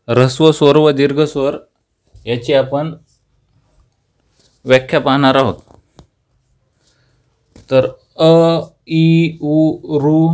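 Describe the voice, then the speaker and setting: A young man with a Marathi accent teaching a grammar lesson, saying key terms slowly, repeating them, and asking questions that he then answers himself. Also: mid-range voice.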